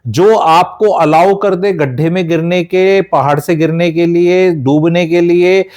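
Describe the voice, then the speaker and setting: A man's voice: high voice, fairly even intonation, unhurried, darkish tone. A man from India giving life advice in an emphatic, lecturing way, dropping English phrases into his talk.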